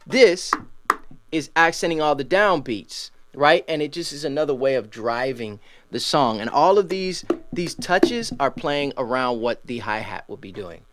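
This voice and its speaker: A man giving a percussion lesson who explains patiently and sings out drum rhythms with sounds like boom and ga. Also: lively intonation, a little slow, fairly bright tone, slight background noise. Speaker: music teacher.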